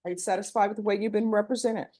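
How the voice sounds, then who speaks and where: A woman judge on a courtroom recording, reading formal questions one after another in a brisk, practiced way. Her voice is mellow and on the dark side, pitched in the middle for a woman. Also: steady tone. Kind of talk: formal plea admonishments.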